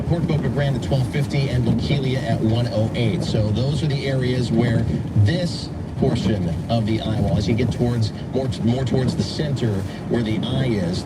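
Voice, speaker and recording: Man, TV weather forecaster, live storm commentary, explanatory, mid-range pitch, distant mic, loud background noise. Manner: explanatory, step-by-step. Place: TV studio.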